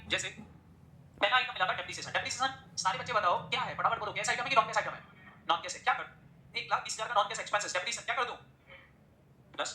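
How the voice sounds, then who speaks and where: A male teacher giving a classroom lecture, firing quick questions at his students and pushing them to answer. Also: sits high, bright, forceful tone. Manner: drills the class with rapid-fire questions. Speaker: accounting teacher. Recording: echoey room.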